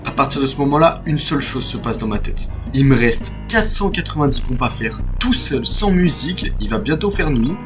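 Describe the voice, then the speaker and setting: A man's voice: medium pitch, lively intonation, moderate pace, few pauses, over music. A young man who sounds tired, talking casually and in slang to his viewers as a challenge vlogger. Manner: slangy, colloquial. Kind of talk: casual vlog talk to viewers. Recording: noisy on-location vlog audio.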